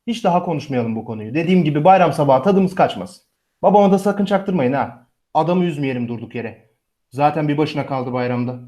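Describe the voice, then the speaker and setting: Actor as an earnest brother, higher-pitched male voice. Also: animated, fairly quick, dark tone, close to an everyday voice. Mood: pleading. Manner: familiar, earnest. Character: weary, kindly adult brother working hospital shifts. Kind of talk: Turkish radio theatre acting.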